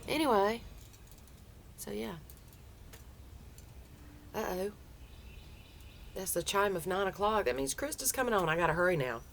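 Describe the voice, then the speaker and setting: A woman's voice: mid-range voice, lively intonation, a little slow, long pauses. A woman with a Southern US accent and a folksy drawl, chatting casually as a crochet vlogger. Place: outdoors on a front porch. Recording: outdoor background noise.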